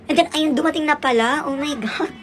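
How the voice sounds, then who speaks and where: A man's voice: very high-pitched, brisk, fairly bright tone, slight background noise. A ten-year-old boy playing a brash, boastful wealthy woman friend who chatters in a comedy skit. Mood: sheepish. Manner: chatty and showy, mixing in English. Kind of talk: comedic skit with one kid playing every role.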